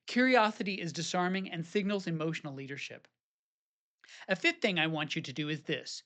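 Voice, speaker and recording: A man's voice: fairly high pitch, brisk, a bit bright. A man who works as a marriage therapist, giving scripted advice to husbands in an earnest, coaching way and acting out sample phrases. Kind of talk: scripted advice talk to men.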